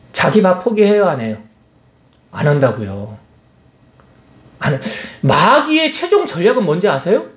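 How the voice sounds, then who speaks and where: A senior pastor delivers a sermon in a high, lively voice that swoops up and down, firing rhetorical questions at the congregation. His voice rings through an echoey church hall.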